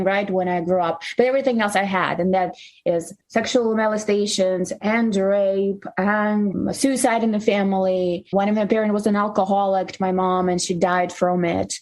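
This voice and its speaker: Woman, candid and halting. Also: medium pitch. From Soviet Union, raised in Russia and Ukraine. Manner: open, halting, frequent fillers and restarts. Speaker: guest, sex coach. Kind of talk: candid interview storytelling.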